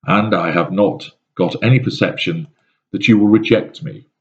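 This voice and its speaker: A man reading a scripted first-person narration in a cold, calculating, measured manner. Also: sits low. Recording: dull lo-fi recording.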